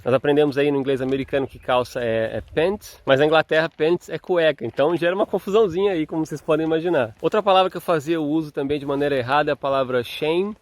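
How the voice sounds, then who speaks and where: A young Brazilian man with a Brazilian Portuguese accent, explaining things in a chatty, step-by-step vlog with frequent tag questions. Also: on the high side. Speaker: vlogger.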